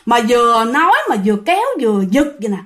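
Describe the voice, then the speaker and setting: A woman narrating ghost stories in a casual, animated way, talking straight to her listeners. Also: on the high side, quick pace. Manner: animated, addresses listeners as "các bạn". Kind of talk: casual spoken storytelling.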